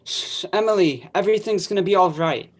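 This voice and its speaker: A young woman voicing a gentle father who reassures his daughter in a school play reading. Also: mid-range voice, a little fast, close to an everyday voice. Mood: soothing. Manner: soothing, reassuring. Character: gentle middle-aged father calming daughter.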